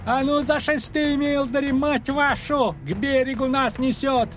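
A man's voice: fairly even intonation, measured pace, a bit bright, soft background music. A man voicing a panicky rustic male ferryman who shrieks in country dialect. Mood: frantic. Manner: shrill, wailing, rustic dialect.

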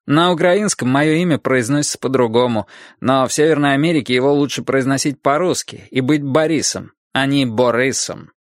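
A man's voice: mid-range voice, brisk, no room sound, lightly acted. Male reader doing a raised, offhand voice for a mocking teen boy, dry close sound. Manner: shrugging, nonchalant delivery.

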